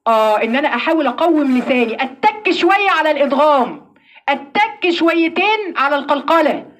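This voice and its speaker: Egyptian woman, recitation teacher, high voice, quick classroom delivery, asks and answers herself. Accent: Egyptian Arabic. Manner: explains with questions she answers herself; demonstrates recitation slowly. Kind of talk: classroom lesson.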